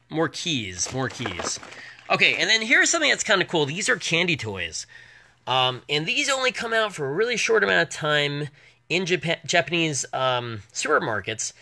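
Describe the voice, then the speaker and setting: Bright-voiced man, casual home shopping host. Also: big pitch swings, a little slow, slight background noise. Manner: rambling, hesitant item-by-item pitch with prices.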